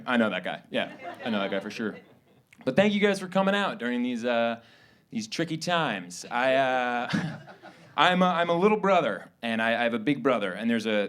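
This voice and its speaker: A young man from suburban New York doing a stand-up set on a theater stage, animated and breaking into high-pitched character voices. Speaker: stand-up comedian.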